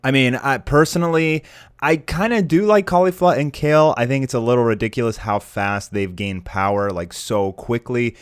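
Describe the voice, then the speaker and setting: A man's voice: mid-range voice, normal speed, smooth, no echo, clean studio sound. A man giving casual, conversational commentary and speculation to viewers as an online anime commentator. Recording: music playing behind the voice. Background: background music.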